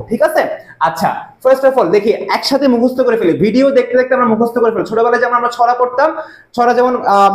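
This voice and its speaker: A very high-pitched man with a Bangladeshi Bengali accent coaches students for admission exams. He drills key terms by repeating them and keeps asking quick rhetorical questions. The recording sounds echoey, as if made in a bare room. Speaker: admission test tutor. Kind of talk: casual explanatory lesson with repeated quiz questions.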